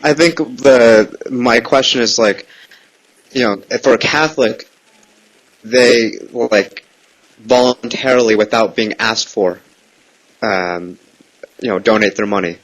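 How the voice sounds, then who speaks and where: A prank caller with a mid-range voice meanders through casual questions on a phone call, speaking slowly and pausing often. He sounds hesitant but keeps pushing. The recording quality is low.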